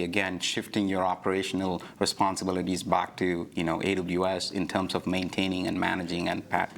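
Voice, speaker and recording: A man's voice: low voice, creaky, a bit bright. A man explaining a technical service model on a livestream, talking fluently with frequent "you know" and "right?" fillers. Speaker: cloud provider guest expert.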